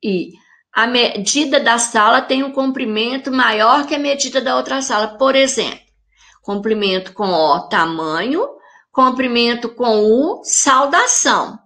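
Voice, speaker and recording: A woman with a Brazilian Portuguese accent teaching a recorded grammar lesson for children, explaining slowly and carefully to her pupils. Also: on the high side, expressive, fairly bright tone.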